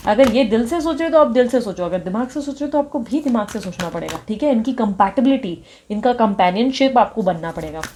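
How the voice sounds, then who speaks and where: A woman's voice: on the high side, lively intonation, a little fast, hardly any pauses, dark tone, slight background noise. A woman giving a tarot reading, talking straight to the viewer, mixing in English words and often checking in with the listener. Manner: mixes English words and phrases into her talk. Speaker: tarot reader.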